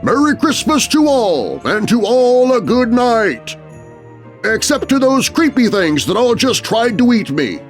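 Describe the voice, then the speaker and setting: A man's voice: sing-song, unhurried, heavily acted. A man acts out a plump old Santa from a storybook, blustering and theatrical. He bellows in a raised, swooping voice over music. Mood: jolly, bellowing. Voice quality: booming shout.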